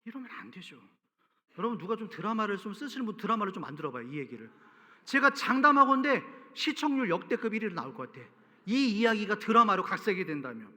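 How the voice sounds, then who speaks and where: A male pastor giving an animated, storytelling sermon and cueing the congregation to read aloud together. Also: high-pitched, quick pace. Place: large church sanctuary. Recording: reverberant church hall.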